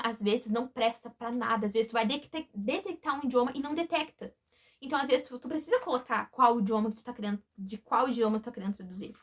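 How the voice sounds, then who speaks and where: A woman speaking in a hesitant, emotional, confiding way in a confessional vlog, often breaking off and restarting. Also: high voice. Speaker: vlogger.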